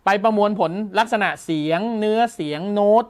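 A man's voice: sits high, moderate pace, clean tone. A man hosting a tech news show, explaining a gadget in a casual, enthusiastic way and exclaiming often.

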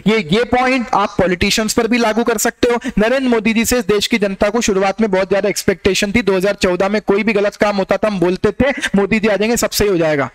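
A male exam-prep teacher giving a lively classroom lecture, teasing his students and firing rhetorical questions at them. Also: sits high, fast talker, hardly any pauses.

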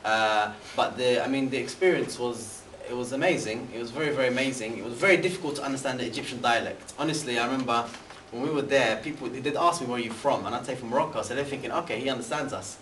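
A fast-talking young British man with a medium-pitched voice sits as a guest speaker, a university student answering questions. He rambles with plenty of fillers and restarts and gestures animatedly. The recording is roomy: a far camera in a large indoor room with a banner, echoey, with faint hiss.

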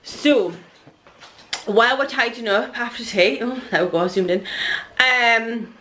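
A woman's voice: a little high, measured pace, pushed and bright. A woman in her thirties with a Geordie accent, chatting casually to her camera at home in a rambling family vlog. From North East England. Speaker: vlogger, mother.

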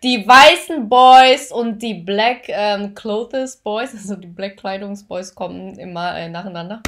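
A woman YouTuber giving excited reaction commentary, gushing with frequent exclamations and English phrases. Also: mid-range voice, a little slow. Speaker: YouTuber reacting to a music video. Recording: the reacted-to music playing clearly behind her.

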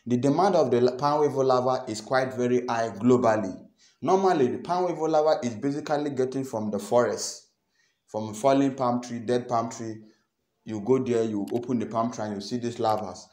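A man's voice: medium pitch, a little fast, darkish tone. Nigerian man explaining in an echoey room. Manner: repeats phrases, earnest and explanatory. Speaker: farming channel host. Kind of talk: instructional vlog talk to camera. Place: small indoor room.

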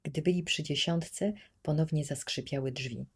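A woman narrating an audiobook in a steady, measured storytelling manner. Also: sits low, breathy edge. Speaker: audiobook reader.

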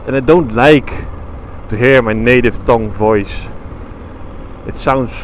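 A Dutch-accented motovlogger with a mid-range voice talks slowly and casually while riding his motorcycle along country roads outdoors. He rambles, chats, and corrects himself as he goes. His helmet camera mic picks up engine and wind noise beneath his voice.

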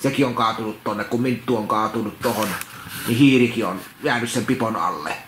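A man reading a children's picture book aloud, rambling into repetitive, halting asides and restarts. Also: lowish voice. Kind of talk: casual read-along with rambling commentary. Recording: roomy echo, faint background noise.

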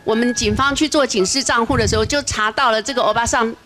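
A woman's voice: a little high, fast, a bit bright. A woman police officer explaining things in a casual TV talk-show way, dropping frequent "ha" tag particles. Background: background music.

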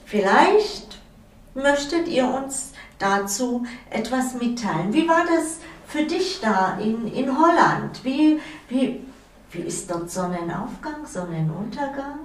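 A middle-aged woman hosting a calm spiritual talk show, speaking gently with many pauses. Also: fairly high pitch. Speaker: host. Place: living-room studio with wall hangings. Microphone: far camera. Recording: roomy sound from a distant mic.

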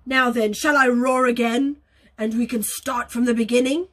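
A woman voicing a grumpy, proud male lion in a children's story, speaking gruffly. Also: on the high side, steady tone, normal speed, voice pushed down, lightly acted. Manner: gruff, indignant.

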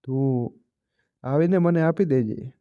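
A man reading as a gentle old mother. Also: fairly high pitch, slow, phone-quality sound. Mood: gentle sorrow. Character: elderly widowed mother, gentle and patient.

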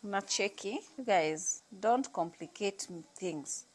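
A woman's voice: medium pitch, expressive, takes it slowly. A woman in her thirties with a Kenyan accent, hosting a casual cooking demonstration in her home kitchen and chatting freely with viewers. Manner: chatty, mixing English with Swahili phrases. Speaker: cooking show host. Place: bright home kitchen, indoors.

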